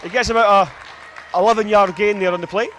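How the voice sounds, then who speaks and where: Scottish guy, really broad accent, bit high voice, calling american football live and chatting through it. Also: steady tone, fairly quick, fairly bright tone, a faint crowd, a little hiss or hum. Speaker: sports commentator, former player.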